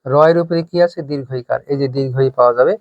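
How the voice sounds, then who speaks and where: A man's voice: medium pitch, fast talker, a little mellow, dry recording. A man teaching a grammar lesson patiently, explaining step by step and asking rhetorical questions. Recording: dry, slightly dull close-mic sound.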